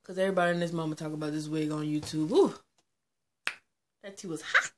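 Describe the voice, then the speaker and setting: A woman's voice: sits low, steady tone, fast talker, a bit bright. A young woman vlogging in a sassy, playful way, talking straight to her viewers. She laughs often between remarks and keeps things loose and chatty. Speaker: beauty vlogger. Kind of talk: casual chatty vlog.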